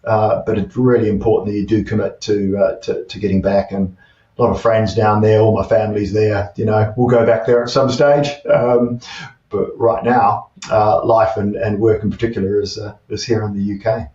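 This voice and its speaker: A man's voice: lowish voice, flat delivery, normal speed, a little mellow. A man in his fifties with a New Zealand accent, a tech CEO talking through his past as an interview guest, hesitant with many fillers and restarts. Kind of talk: casual interview chat. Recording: distant, dull, roomy remote audio.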